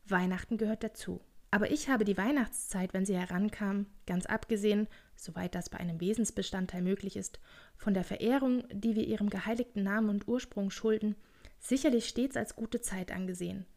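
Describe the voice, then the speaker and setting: A woman voicing a cheerful, warm-hearted young man in a storybook reading, speaking brightly and eagerly. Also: mid-range voice, fairly quick, lightly acted. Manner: bright, lively, pleading.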